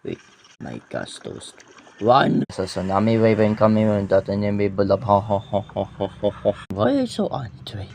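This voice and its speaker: A man with a Filipino accent giving excitable live commentary while gaming, swearing and breaking into mocking laughter. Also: lowish voice, moderate pace, gravelly, slight background noise. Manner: mixes in Filipino words. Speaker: gamer streamer.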